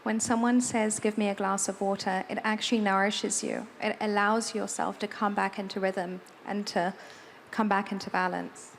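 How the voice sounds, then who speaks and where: A woman interpreting on a panel, relaying each passage in steady, even phrases. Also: mid-range voice, moderate pace, creaky, a little hiss or hum. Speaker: moderator and interpreter. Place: large hall at an event.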